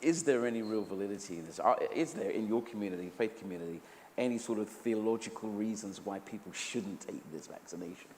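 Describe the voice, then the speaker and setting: Low-voiced male moderator. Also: fast talker, a little mellow. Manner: questioning, hesitant with fillers. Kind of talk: panel discussion. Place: church hall. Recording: echoey hall, faint background noise.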